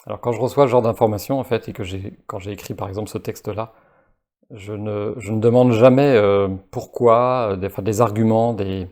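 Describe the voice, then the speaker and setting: Guy talking about his inner voice, low mellow tone, lots of euh and restarts. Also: fairly even intonation. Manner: halting, many fillers and restarts; reads a text slowly, then talks freely. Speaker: spiritual video maker. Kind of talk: reflective spiritual monologue.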